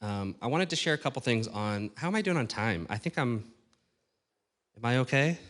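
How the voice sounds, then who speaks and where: A man's voice: medium pitch, animated, moderate pace, a bit bright. A man speaking on stage at a conference about church production, talking casually to a live audience, checking in with questions and poking fun at himself, his voice a little worn. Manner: conversational, asks the audience questions, self-deprecating. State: losing his voice.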